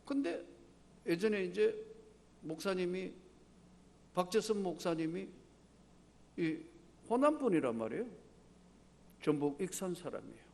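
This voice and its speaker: Older gyeongsang pastor preaching, gravelly voice, echoey church hall. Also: male voice, high-pitched, very animated, a little slow, long pauses, darkish tone. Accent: Gyeongsang Korean. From Daegu, Gyeongsang province, South Korea. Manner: emphatic preaching with rhetorical questions to the congregation. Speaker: emeritus pastor. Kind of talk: sermon.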